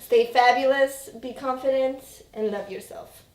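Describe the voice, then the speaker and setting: A woman's voice: high-pitched, measured pace, far from the mic. A woman hosting a casual couple vlog, giggly and teasing as she chats with her husband. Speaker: vlogger host. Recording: roomy sound from off-mic.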